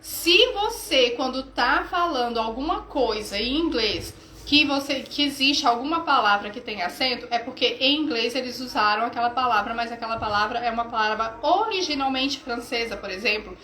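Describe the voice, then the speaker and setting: A woman's voice: a little high, lively intonation, moderate pace, hardly any pauses, pushed and bright, echoey room, rough recording. A woman teacher with a Brazilian accent, giving an enthusiastic, chatty live-streamed lesson and laughing often. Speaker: English teacher.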